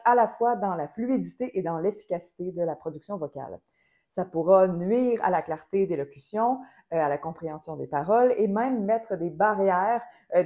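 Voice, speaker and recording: A woman with a Québécois French accent giving a careful, precise singing lesson, pausing often with hesitations. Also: medium pitch, mellow. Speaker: singing teacher. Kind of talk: explanatory vocal lesson.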